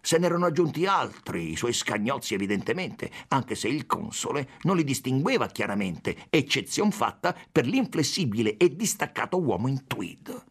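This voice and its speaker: A man narrating a literary novel in an expressive reading voice. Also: medium pitch, normal speed, hardly any pauses, breathy edge. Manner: expressive, varied delivery. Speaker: audiobook narrator.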